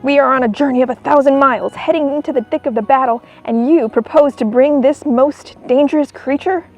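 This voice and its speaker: A woman's voice: on the high side, measured pace, warm tone, highs cut off, faint music behind. A woman voicing a blustering, pompous army colonel in a storybook, with formal, indignant speech.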